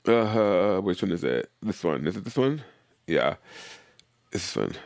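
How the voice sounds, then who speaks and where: A man's voice: deep voice, sing-song, a little slow, creaky, a little mellow, no echo. Rambling man streaming, dry close sound. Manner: rambling, stammering, emotional. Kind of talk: casual live-stream chat.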